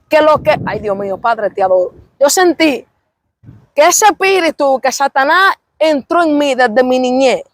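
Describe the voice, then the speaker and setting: A woman's voice: sits high, no echo. A young woman tells her religious testimony in an interview, fervent and repetitive, breaking into praise. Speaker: interview guest.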